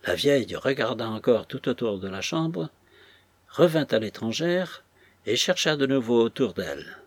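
A man reading a novel aloud as an audiobook narrator, in a measured, dramatic storytelling manner. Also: medium pitch, very animated, no room sound.

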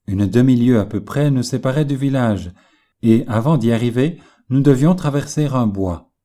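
A man narrating a novel in the first person, with measured, literary storytelling. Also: medium pitch, mellow. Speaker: audiobook narrator.

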